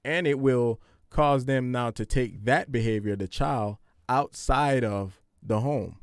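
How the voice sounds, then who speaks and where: Man, podcast host, parenting advice, casual, repetitive, medium pitch, dry recording. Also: slow, no echo. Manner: conversational, repetitive, preachy.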